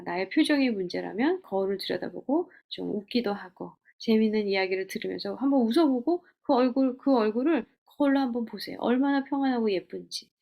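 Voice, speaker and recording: Gravelly-voiced woman teaching gently. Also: a little high, dull audio. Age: middle-aged. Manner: gentle, coaching, asks rhetorical questions. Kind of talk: teaching lecture on communication.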